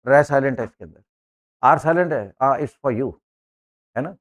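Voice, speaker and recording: A man teaching an English lesson to a class, explaining words and pronunciation step by step and often checking with "है ना?". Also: mid-range voice. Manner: explains slowly, often asks "है ना?".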